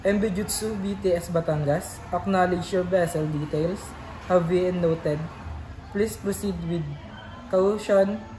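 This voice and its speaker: A woman's voice: fairly low pitch, measured pace, dark tone. A woman acting as a port radio operator, giving formal marine radio instructions in short set phrases. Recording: echoey room with background noise.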